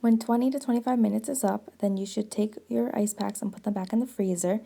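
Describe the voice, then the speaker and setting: A woman's voice: mid-range voice, steady tone, brisk, gravelly, warm tone. A woman in her twenties giving a casual, step-by-step how-to voice-over. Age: 20s. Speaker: vlogger narrating a demonstration. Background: music.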